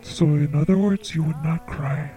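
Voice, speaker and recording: A man hosting a comedic call-in show as a psychic, speaking in a slow, soft-spoken, earnest way. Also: fairly high pitch, fairly even intonation, music in the background, low-quality recording. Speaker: psychic radio show host.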